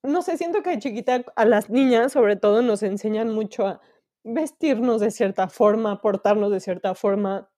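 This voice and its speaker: A woman's voice: mid-range voice, moderate pace, dark tone. A Mexican woman in her thirties, co-hosting a podcast in candid, emotional casual chat, swearing freely. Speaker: podcast co-host.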